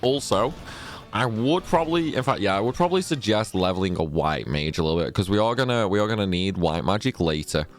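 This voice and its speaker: A man's voice: fairly low pitch, animated, fairly quick. A man talking through a game walkthrough in a chatty, rambling way, often correcting himself, and fighting off a sneezing fit. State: sneezy, stuffy from a cold. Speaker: gaming guide creator. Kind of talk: casual game walkthrough commentary.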